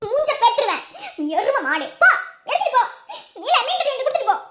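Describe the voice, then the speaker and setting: A woman's voice: brisk, noisy background. A woman voicing a fiery, emotional young woman in a cartoon, speaking with a Madurai Tamil accent and scolding through tears. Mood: angry. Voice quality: very high, squeaky cartoon voice. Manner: teary, scolding, sulky. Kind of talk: animated cartoon dialogue.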